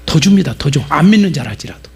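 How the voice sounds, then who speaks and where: A middle-aged man preaching a lively sermon-lecture in a church, animated and jumping between quiet asides and loud acted-out outbursts. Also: a little high, fast talker, gravelly, husky. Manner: animated, acts out market sellers with sudden loud outbursts. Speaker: pastor and Bible lecturer.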